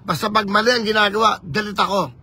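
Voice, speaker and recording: A man chatting on a live vlog from inside a moving vehicle, talking in an animated and preachy way as he mixes languages. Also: sits high, quick pace, breathy edge. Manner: animated, code-switching, preachy. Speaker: vlogger campaigning for office.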